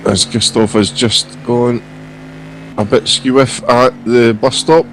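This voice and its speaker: A man with a croaky, hoarse voice giving casual live motorsport commentary. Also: mid-range voice, steady tone, slow, a little hiss or hum, poor audio. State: hoarse from coughing. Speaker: sim racing stream commentator.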